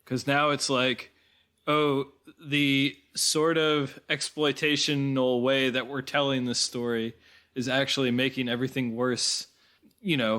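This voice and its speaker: A man co-hosting a film podcast talks through the ideas behind a movie. He muses as he goes, hedging with "like" and "kind of". His voice sits at an ordinary, middle pitch. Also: a bit bright. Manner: thoughtful, analytical, hedges with "like" and "kind of". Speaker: podcast co-host. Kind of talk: casual film review chat.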